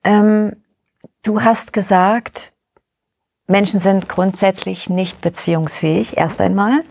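A woman's voice: medium pitch, fairly even intonation, slow pace, creaky, a little mellow. A woman interviewer asking long, reflective questions and thinking aloud as she goes.

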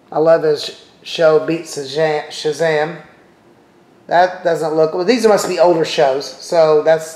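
A man's voice: fairly high pitch, darkish tone. A middle-aged man casually walking viewers through a TV streaming service, thinking aloud with chatty asides as he clicks around. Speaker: presenter demonstrating a TV streaming service. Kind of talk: casual walkthrough talking to viewers. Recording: roomy echo.

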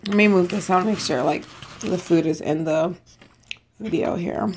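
A woman's voice: fairly low pitch, normal speed, slight background noise. A young woman vlogging from home in a casual eat-with-me chat, bubbly and chatty, talking between bites while losing her voice. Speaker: mukbang vlogger.

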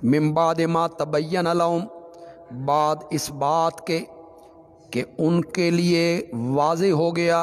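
A man's voice: on the high side, fairly even intonation, slow, faint music behind. A man giving a Quran commentary sermon, reciting Arabic verses and explaining them in Urdu with a Pakistani accent, in emphatic, repetitive preaching. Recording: long hall reverb.

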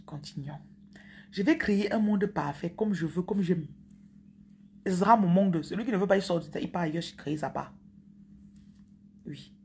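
A woman's voice: lowish voice, normal speed, long pauses, a little mellow, slight background noise. A woman, talking playfully and chattily to her viewers as a spiritual coach. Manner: playful, chatty, teasing asides. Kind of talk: casual monologue to viewers.

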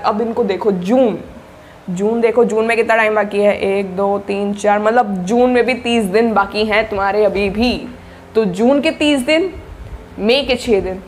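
A young female tutor with a fairly high voice offers casual, spoken study tips to camera for board exam students on YouTube. Chatty and encouraging, she constantly checks in with the listener, and slight background noise can be heard.

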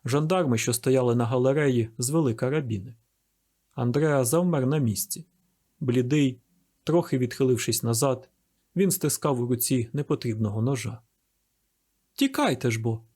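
A man's voice: mid-range voice, normal speed, mellow. A man narrating an audiobook of a classic novel with a vivid, dramatic reading. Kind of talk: scripted narration.

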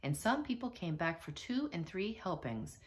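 A teacher reading a children's picture book aloud, with expressive storytelling. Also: female voice, fairly low pitch, normal speed. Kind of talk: children's read-aloud narration.

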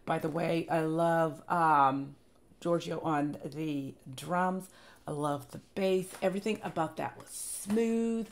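A woman's voice: sits low, slow, creaky. Enthusiastic woman with a fading voice. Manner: enthusiastic, gushing praise. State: losing her voice, clearing throat. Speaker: reaction video host. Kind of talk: casual reaction commentary.

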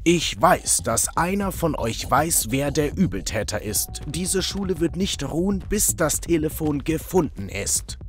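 A man's voice: medium pitch, very animated, moderate pace, few pauses, faint music behind, lightly acted. A man voicing a stern adult male camp boss who growls threats at the boys. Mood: menacing.

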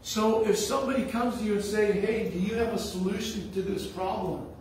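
A man's voice: high voice, brisk, a little mellow, a little hiss or hum. A man preaching a sermon as pastor, telling stories in a blunt, folksy way. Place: church sanctuary. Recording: echoey church hall from far off.

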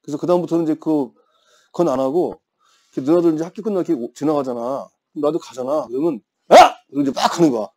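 Chatty male grammar teacher, mellow voice. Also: a little high, very fast. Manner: playful storytelling, teasing students. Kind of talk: classroom lecture with chatty anecdotes.

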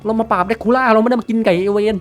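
Young gamer guy, highish voice, swears a lot and yells when stuff goes wrong. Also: quick pace, faint music behind. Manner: loud swearing outbursts, excitable yelling. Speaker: gaming video host. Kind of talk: casual gameplay commentary.

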